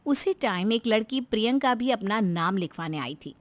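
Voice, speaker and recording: A woman narrating a cartoon moral story in a scripted, expressive storytelling manner. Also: a little high, moderate pace, no echo.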